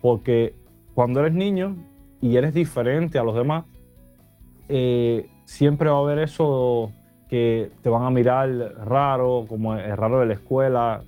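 A man, giving earnest, halting interview answers full of restarts. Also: medium pitch, phone-quality sound, faint music behind. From Cuba. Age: 30s. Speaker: guest.

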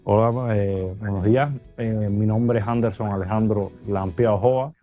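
A man's voice: on the low side, fairly even intonation, phone-quality sound, soft background music. Earnest man in his thirties. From Cuba. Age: 30s. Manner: earnest, halting, many restarts. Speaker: guest. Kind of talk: interview answers.

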